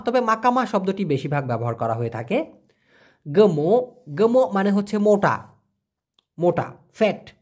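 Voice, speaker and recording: A man giving a casual vocabulary lesson, repeating each word and explaining it with everyday examples. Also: sits high. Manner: colloquial, chatty. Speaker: language teacher.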